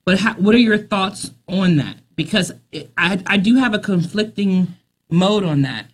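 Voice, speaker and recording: A woman hosting a casual podcast chat, her voice husky and a little breathy. She tells her stories in an animated way, piling on filler phrases as she goes. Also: medium pitch, normal speed. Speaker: podcast host.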